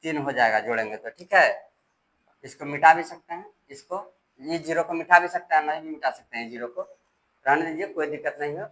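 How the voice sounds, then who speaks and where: Bright-voiced male math teacher. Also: fairly high pitch, a little fast, poor audio. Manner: patient, repetitive, counts digits aloud. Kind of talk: step-by-step classroom explanation.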